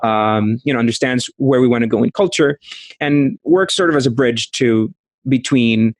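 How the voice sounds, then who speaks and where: Costa Rican man, halting founder. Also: medium pitch, no room sound. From Costa Rica. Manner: halting, many restarts and fillers. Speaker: startup founder. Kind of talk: video call interview. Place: small room at home, indoors. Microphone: studio mic with headphones.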